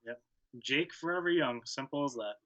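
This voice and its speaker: A young man from Connecticut answers interview questions in a laid-back, plain-spoken way. His voice sounds bright, and his answers are short and simple. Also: mid-range voice, normal speed, lo-fi sound. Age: young adult. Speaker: guest angler.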